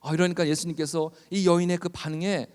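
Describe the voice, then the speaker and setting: High, ringing-voiced preacher in a hall. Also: male voice, flat delivery, quick pace, clear, resonant tone. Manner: earnest, builds to loud fervent pleas when voicing biblical cries. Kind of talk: sermon. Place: church hall. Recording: long reverb of a church hall.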